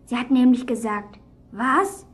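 A woman's voice: on the high side, animated, unhurried. An eager chiming girl. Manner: eager, interrupting. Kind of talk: children's radio play.

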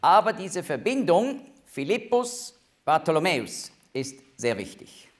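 A man's voice: a little high, very animated, unhurried. A man teaching a Bible study, explaining names and passages with emphatic rises.

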